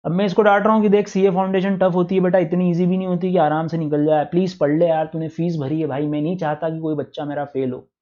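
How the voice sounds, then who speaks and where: A male teacher giving a classroom lecture, who keeps asking the class for quick answers. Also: fairly high pitch, level tone, dark tone. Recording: dull lo-fi classroom recording.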